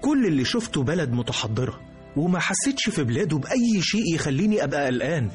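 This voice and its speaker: A man's voice: fairly high pitch, big pitch swings, quick pace, soft background music. A man playing an ambitious, entitled young prince with an Egyptian accent in a radio drama. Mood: insistent.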